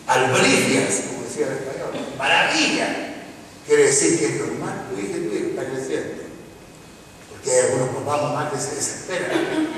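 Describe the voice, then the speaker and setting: Animated Chilean man lecturing in an echoey hall. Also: fairly high pitch, background noise. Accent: Chilean Spanish. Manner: animated, acts out children's voices, tags lines with "¿ah?". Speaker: psychologist giving a talk to parents. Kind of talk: lively public lecture. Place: large school hall. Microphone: distant room mic. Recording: echoey hall from far off, faint ambience.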